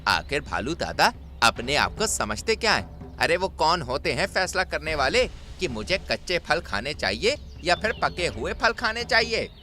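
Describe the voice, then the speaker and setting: A man's voice: on the high side, very animated, normal speed, sharp tone, faint music behind. A man voicing a hot-headed young male monkey who complains indignantly. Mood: aggrieved.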